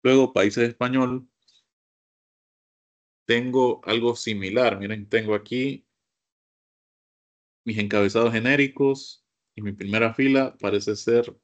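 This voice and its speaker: A man's voice: fairly low pitch, dull audio. A man teaching a computer course, walking his class through each step and often asking them to look. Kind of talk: screen-share software lesson.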